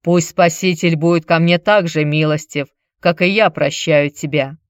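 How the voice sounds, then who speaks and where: A woman's voice: low voice, fairly even intonation, moderate pace, no room sound, clean studio sound, lightly acted. A woman reading a blunt, earnest strongman.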